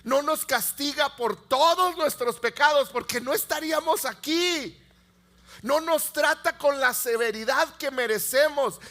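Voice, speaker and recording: A man, preaching a sermon with animated storytelling that swings from loud to hushed. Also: high voice. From Mexico. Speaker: pastor.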